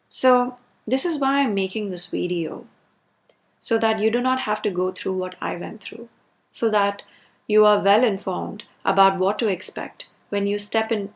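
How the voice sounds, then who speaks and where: A woman delivering a personal rant as a video creator, speaking emphatically and repeating words for stress. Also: on the low side.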